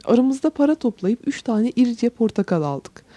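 Breathy, mellow woman narrating an audiobook. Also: a little high, no echo. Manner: calm, measured storytelling.

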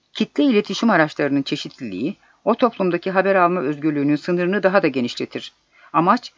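High-voiced man reciting test answers. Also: no echo. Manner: measured, deliberate recitation. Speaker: exam prep narrator. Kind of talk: reading test questions and solutions aloud. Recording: dull lo-fi dry recording.

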